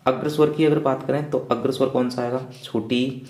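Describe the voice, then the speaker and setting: Male teacher, mellow, echoey room. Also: medium pitch, little pitch movement, a little fast. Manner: rhetorical questions, repeated check-ins. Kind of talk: exam revision lecture.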